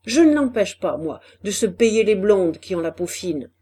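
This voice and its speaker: A woman's voice: medium pitch, big pitch swings, moderate pace, mellow, breathy edge. A woman voicing a defiant, hot-headed coal miner.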